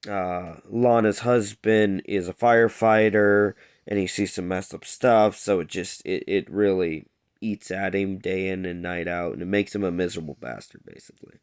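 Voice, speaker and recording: Recapping a TV episode in a casual, rambling way, a male TV show reviewer fills his talk with fillers and hesitations and acts out what the characters say. He has a clean tone and a voice on the low side.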